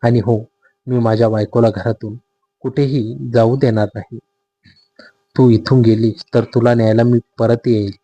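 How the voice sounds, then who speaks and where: Brief: a man as a steady, possessive young husband figure in an audio story, calm and insistent, dark husky voice. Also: medium pitch, lightly acted.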